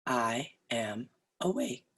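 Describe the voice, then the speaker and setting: A woman guiding yoga nidra speaks in a low, rough, breathy voice with a sing-song quality. Her pace is very slow and deliberate, short phrases broken up by long pauses, and the delivery remains soothing and instructional all the way through.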